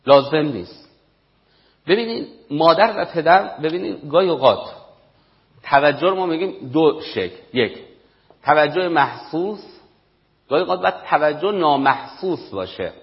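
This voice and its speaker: A man giving a lecture on parenting to an audience, stressing and repeating his key points. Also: a little high. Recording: dull echoey hall recording.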